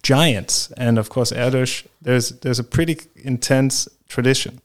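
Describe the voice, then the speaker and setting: A man hosts a casual interview in a middling voice. He is friendly and chatty, often dropping in quick "yes" replies while his guest talks. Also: mid-range voice, steady tone. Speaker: podcast host.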